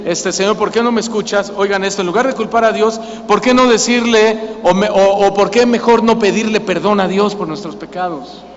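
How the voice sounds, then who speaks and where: High-voiced Mexican pastor preaching in a hall. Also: male voice. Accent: Mexican Spanish. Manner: emphatic preaching, asks the congregation questions, rises to loud cries. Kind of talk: sermon. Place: church hall. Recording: lo-fi church recording with long reverb.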